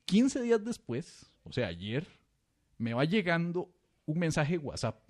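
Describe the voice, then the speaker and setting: A man's voice: a little high, sing-song, unhurried. A man with a Costa Rican accent, a podcast co-host telling a rambling, self-mocking story in a casual, slangy way. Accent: Costa Rican Spanish.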